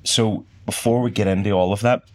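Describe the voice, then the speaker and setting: A man's voice: on the low side, fairly even intonation, fairly quick, a little mellow, slight background noise. A Northern Irish man hosting a casual podcast chat with sweary, bantering talk. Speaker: podcast host.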